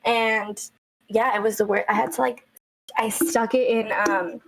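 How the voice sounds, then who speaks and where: A young woman co-hosting a casual podcast, telling stories in a chatty, animated way with lots of fillers. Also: fairly high pitch, measured pace, poor audio. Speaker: podcast co-host. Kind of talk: casual chat.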